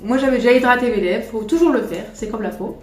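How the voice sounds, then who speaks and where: A woman's voice: a little high, quick pace, darkish tone. Chatty French woman, roomy room. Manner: chatty and self-deprecating, rambling asides. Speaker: makeup vlogger. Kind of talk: casual makeup tutorial. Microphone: camera on a tripod. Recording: roomy room, faint music behind.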